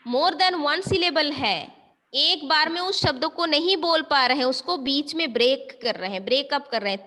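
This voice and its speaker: A woman's voice: high voice, sharp tone. A woman teacher taking an online grammar class, mixing Hindi and English and often checking whether the students have understood. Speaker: school teacher.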